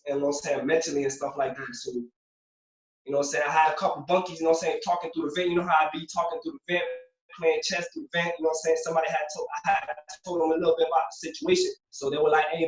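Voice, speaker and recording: A young man from Puerto Rico, a former prisoner, tells his story as a guest in a casual interview. He talks fast in a slightly high voice, loose and streetwise, peppering his speech with "you know what I'm saying." The recording sounds roomy, distant, dull and lo-fi.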